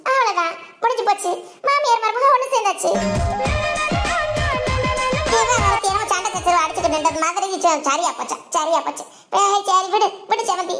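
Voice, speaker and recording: A woman's voice: extremely high pitch, a little fast, sharp tone, faint music behind. A woman voicing a scolding village mother-in-law in a cartoon, with a southern Tamil Nadu dialect and a nagging, reproachful manner. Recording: roomy echo.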